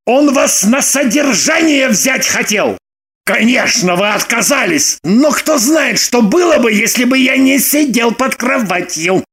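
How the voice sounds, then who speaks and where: An actor playing an excitable young man who bursts into shouts and pleads desperately. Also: high voice, a little slow, full character voice. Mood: angry. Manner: loud, shouting outbursts.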